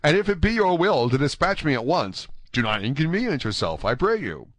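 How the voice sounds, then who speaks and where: Male reader as bold young storybook gallant: higher-pitched, earnest, very polite, animated intonation. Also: fairly quick, dry recording. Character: eager, courteous, bold young Gascon gentleman. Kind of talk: audiobook character dialogue.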